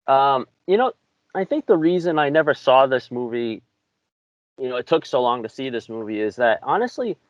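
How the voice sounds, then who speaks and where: A man's voice: medium pitch, very animated, moderate pace, no room sound. A man co-hosting a movie podcast, easygoing and full of "you know" and "like" fillers. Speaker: podcast co-host. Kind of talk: casual movie chat. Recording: dry, dull lo-fi mic.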